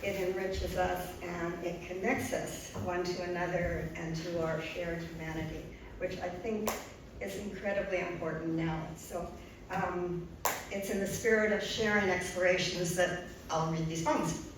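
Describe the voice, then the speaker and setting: A woman's voice: fairly low pitch, fairly even intonation, a little slow, noisy background. An older woman, a poet and art therapist, reading her poems at an open mic, talking earnestly with frequent ums between lines. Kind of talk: live poetry reading with spoken asides. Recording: very echoey room, distant mic, audible ambience.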